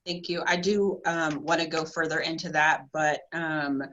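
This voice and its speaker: Low-voiced woman moderating on a dull call line. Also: steady tone, a little slow, fairly bright tone. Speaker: panel moderator. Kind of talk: moderating an online panel. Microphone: video call.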